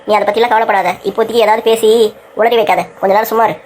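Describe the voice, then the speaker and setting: Earnest young man, voiced by a woman, persuasive, fast, raised pitch, faint noise. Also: steady tone, darkish tone, close to an everyday voice. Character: caring young man, protective of his cousin. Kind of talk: cartoon story dialogue.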